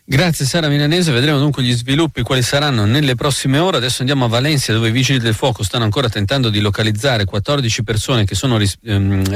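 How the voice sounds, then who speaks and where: A man anchoring a radio news bulletin, reading headlines in a brisk, measured way. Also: on the low side, no echo, clean studio sound.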